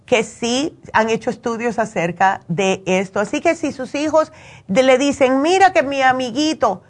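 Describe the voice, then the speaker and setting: With a high voice, lively intonation and normal speed, this woman hosts a radio call-in show. Born in Cuba and brought up in the United States, she gives conversational advice laced with personal anecdotes and frequently seeks agreement through tag questions.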